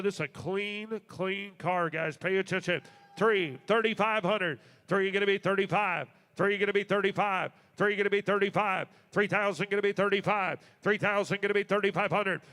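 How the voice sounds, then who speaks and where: A man working as an auctioneer, calling bids in a rapid, repetitive, rolling live chant. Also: high-pitched, a bit bright, clean tone. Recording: long hall reverb.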